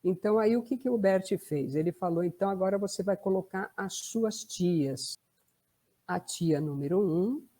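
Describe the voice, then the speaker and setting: Mellow-voiced Brazilian therapist woman. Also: lowish voice. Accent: Brazilian Portuguese. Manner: conversational, tag questions. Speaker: family constellation therapist. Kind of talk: explanatory talk.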